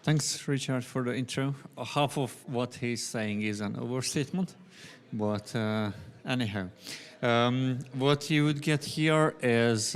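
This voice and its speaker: A man from Hungary with a Hungarian accent, giving a technical conference presentation in a halting way, often pausing mid-sentence. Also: medium pitch. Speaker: conference speaker.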